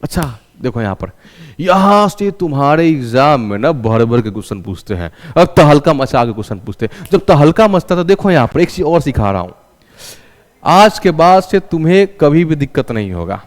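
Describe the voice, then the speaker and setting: A man's voice: fairly high pitch, very animated, moderate pace, big-room sound. A male teacher giving a classroom English lesson, asking questions and answering them himself and having students repeat after him. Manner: calls students "raja".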